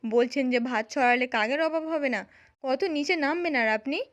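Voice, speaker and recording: A woman's voice: high-pitched, normal speed, natural voice. A woman reading the lines of a proud, assertive son-in-law in a serial recap. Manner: assertive, reproachful.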